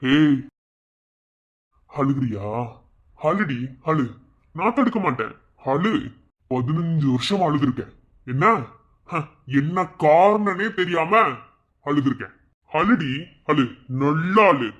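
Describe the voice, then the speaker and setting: Man voicing vengeful cartoon father, sneering, shouting, dull lo-fi sound. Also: a little high, animated, takes it slowly, long pauses. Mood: gloating. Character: vengeful furious father, grown man, bitter. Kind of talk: fan cartoon voice acting.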